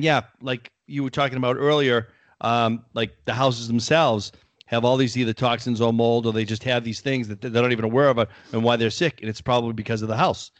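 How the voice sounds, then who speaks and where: A man's voice: mid-range voice, no echo. A man co-hosting a home improvement podcast, chatting casually and acting out his own stories. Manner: storytelling, acts out what he told people. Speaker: podcast co-host. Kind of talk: casual chat.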